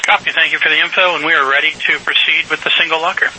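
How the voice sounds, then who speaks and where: A man's voice: a little high, steady tone, quick pace, sharp tone. A man working as a mission control communicator, giving procedural instructions in clipped phrasing over a crackly space radio link.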